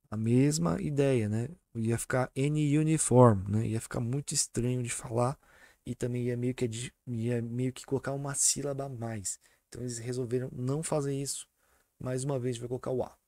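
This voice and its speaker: A man's voice: medium pitch, warm tone, no room sound, clean studio sound. Patient man teaching an English lesson. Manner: patient, keeps checking in with students; repeats and spells out words slowly. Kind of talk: online exam-prep grammar lesson.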